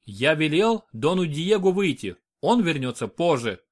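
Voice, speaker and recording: A man's voice: a little high, sing-song, a little slow. A man voicing a huge, stern male doctor who barks curt orders. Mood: commanding.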